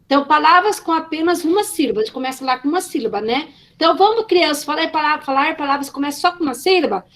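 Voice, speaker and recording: A woman's voice: high-pitched, quick pace, fairly bright tone. A woman teacher giving an online class on a video call, explaining step by step and often checking in with her students.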